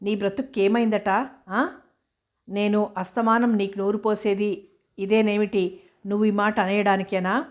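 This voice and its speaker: A woman reading as a lively young woman, curious and coaxing, with a teasing edge to her questions. Her voice stays level and even, as in a storybook read aloud. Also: medium pitch, unhurried, pauses often, natural voice. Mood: chiding.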